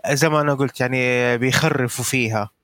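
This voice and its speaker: A man's voice: medium pitch, fairly even intonation, fast, fairly bright tone, no echo. A man on a podcast who talks hesitantly, searching for words. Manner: hesitant, many fillers and restarts. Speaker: podcast co-host. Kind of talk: casual podcast discussion.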